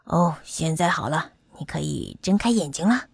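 A woman voicing a kind, calm male doctor in a storybook, speaking gently in a lowered voice. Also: moderate pace, creaky, breathy edge, no room sound, studio quality, exaggerated voice. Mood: gentle.

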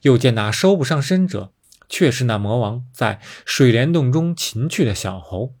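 A man narrating a classic novel with expressive, dramatic storytelling. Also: medium pitch, moderate pace, breathy edge.

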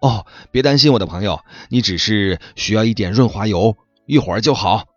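A man doing a gentle old repairman. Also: on the low side, fairly quick, no echo, lo-fi sound, natural voice. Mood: reassuring. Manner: soothing, reassuring. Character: kind older male repairman, calm and caring.

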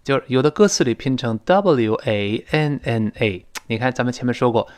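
An English-speaking lesson is led by a man whose Mandarin Chinese accent comes through in a medium-pitched, expressive voice. He explains patiently and models phrases at a slow pace for learners to echo.

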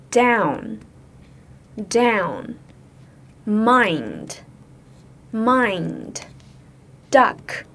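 A woman teacher with a fairly high, breathy voice leads a pronunciation lesson. She speaks clearly and deliberately, repeating each word slowly so learners can follow. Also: a little mellow. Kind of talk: online language lesson.

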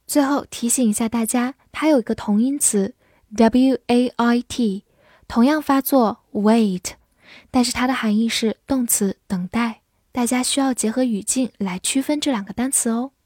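A woman teaching English vocabulary in a slow, clear lesson, spelling each word out letter by letter. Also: a little high, a little mellow, dry recording, clean studio sound.

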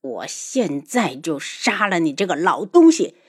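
A woman's voice: on the low side, sing-song, normal speed, darkish tone. A woman voicing a hot-headed, stubborn young man in an audiobook, earnest and defiant. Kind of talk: audiobook character voice.

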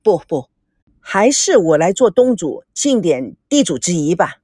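A woman's voice: on the low side, big pitch swings, unhurried, mellow, breathy edge, no room sound, studio quality, pitched below the performer's own voice, exaggerated voice. A woman voicing a courteous young man from a wealthy family. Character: polite young rich man, modest and courteous.

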